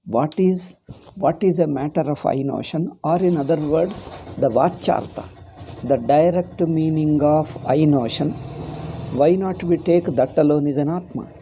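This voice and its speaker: A man with a South Indian accent teaching a scriptural lesson, deliberately repeating phrases for emphasis. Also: on the high side, warm tone, a little hiss or hum. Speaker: teacher of Vedanta philosophy.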